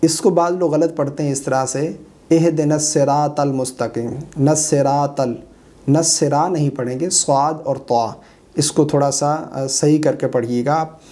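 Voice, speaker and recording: A man teaching Quran recitation, chanting verses in long drawn-out melodic lines and correcting common mistakes in quick spoken asides. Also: a little high, warm tone.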